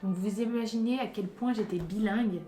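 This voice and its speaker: A young woman from France talks in a chatty, emphatic vlog style, speaking directly to her audience at a medium pitch. Her voice bounces around a roomy, echoey space. Faint music plays underneath. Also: brisk, dark tone. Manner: chatty and emphatic, giving advice directly to viewers. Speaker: vlogger. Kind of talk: casual vlog chat.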